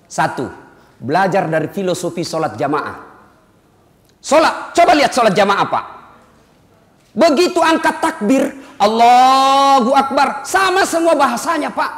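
A man preaching a humorous sermon, lively and jokey, swinging between loud and soft. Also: high-pitched. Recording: echoey hall with long reverb.

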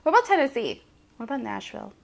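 Young woman co-host, high bouncy voice, chatty, laughs a lot. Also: big pitch swings, rapid-fire, creaky. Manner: chatty, laughs often, lots of "like". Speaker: podcast co-host. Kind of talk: casual chat.

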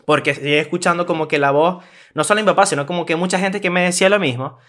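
A young man with a Venezuelan accent, casually telling a story on a podcast, slangy and animated, acting out what people said. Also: fairly high pitch, fast talker. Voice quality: animated, slangy, acts out quoted voices. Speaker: podcast co-host.

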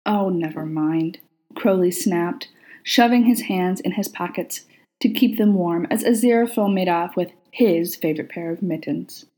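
A woman narrating a story aloud in a calm, even storytelling manner. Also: on the low side, normal speed. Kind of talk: reading fan fiction aloud.

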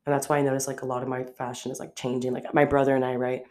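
A young woman hosting her own podcast, chatting casually and quickly and peppering her talk with "like". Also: a bass voice, little pitch movement, darkish tone. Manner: chatty, fast, heavy use of "like". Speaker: podcast host. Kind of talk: casual solo podcast chat.

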